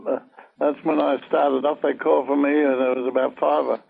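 Older man, oral history storyteller, halting, lots of fillers, gravelly voice, thin narrow-band tape. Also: medium pitch, little pitch movement. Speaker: interviewee. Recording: tinny phone-like old recording.

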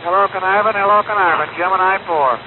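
A man's high, quick voice comes through a thin, crackly spacecraft radio link, heavy static riding under every word. He talks in clipped radio procedure from a helmet headset, squeezed into a narrow old 1960s transmission band. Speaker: astronaut in orbit. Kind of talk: terse air-to-ground radio exchange. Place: inside a small spacecraft.

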